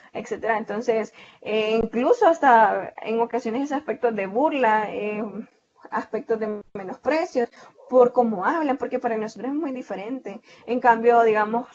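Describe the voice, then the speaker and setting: A woman with a Salvadoran Spanish accent teaches an online class, her voice sitting a little high. She explains patiently, padding her points with fillers and quick self-corrections. The video-call audio comes through muffled and dull. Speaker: online tutor.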